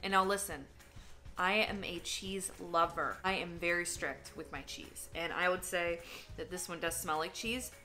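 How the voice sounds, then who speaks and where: Chatty woman with bright voice. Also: fairly low pitch, steady tone, a little slow, soft background music. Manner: chatty, candid, talks while eating. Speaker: vlogger. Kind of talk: casual taste-test vlog.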